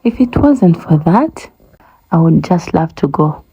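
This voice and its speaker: A woman's voice: lowish voice, very animated, a little slow, mellow, slightly rough, dull audio, exaggerated voice. A woman voicing a leopard in a storybook read-aloud, reluctantly making excuses.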